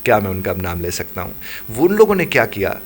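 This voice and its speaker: A man's voice: fairly low pitch, big pitch swings, a little hiss or hum. A middle-aged man, an English teacher, answering interview questions and explaining with many examples. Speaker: English teacher and IELTS tutor.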